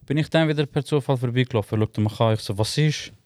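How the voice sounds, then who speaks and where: A young Swiss German man, a podcast co-host, telling a lively story in casual chat and laughing often. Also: mid-range voice, fast talker, dry recording, studio quality.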